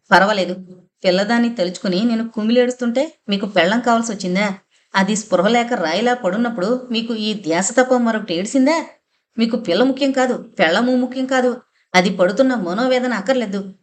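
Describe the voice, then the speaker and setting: A woman's voice: mid-range voice, expressive, close to an everyday voice. Woman voicing a furious grieving mother. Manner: shouting, scornful, fast bursts. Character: grieving middle-aged mother, furious at husband.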